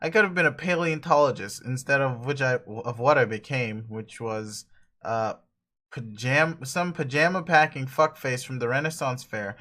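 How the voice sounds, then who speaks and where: A man's voice: medium pitch, normal speed, sharp tone, pitched below the performer's own voice, lightly acted. A man voicing a cool, ironic teenage boy who swears a lot and rambles, in a dramatic reading of a webcomic. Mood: grumbling. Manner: profane, rambling, laughs a lot.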